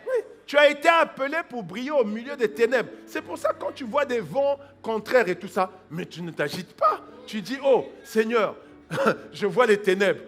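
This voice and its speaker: This pastor's voice is very high with lively intonation, at normal speed and with a faint crowd audible. He moves from quiet asides to loud exhortation, performs people's excuses in quoted voices, and breaks into praying in tongues.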